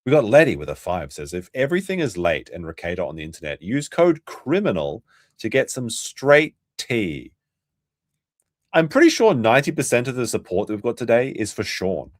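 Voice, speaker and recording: Speaking at a normal pace with big swings in pitch around a medium register, this young Kiwi streamer rambles crudely while reacting for his chat. He restarts often and addresses viewers directly, captured in clean, dry studio sound.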